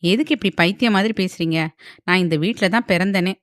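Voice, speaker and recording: A woman voicing a brisk young wife who speaks bluntly and wryly. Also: medium pitch, dry recording, clean studio sound, natural voice.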